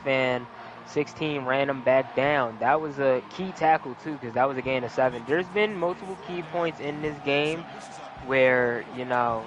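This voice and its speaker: A man giving relaxed, rambling color commentary on a game, with frequent fillers. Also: medium pitch, lo-fi sound, noisy background.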